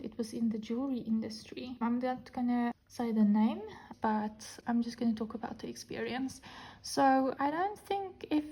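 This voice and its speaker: A diamond painting vlogger with a husky, deep-sounding Afrikaans-accented South African voice chats candidly while crafting at an indoor table, though her pitch sits on the high side with a dark, slightly rough tone. Her first language is Afrikaans, and she tells stories casually while the camera stays over her hands, leaving her off-frame.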